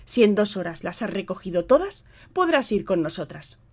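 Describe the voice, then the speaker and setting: A woman voicing a cold, scornful middle-aged stepmother who scolds loudly and mockingly. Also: mid-range voice, big pitch swings, normal speed, slightly rough.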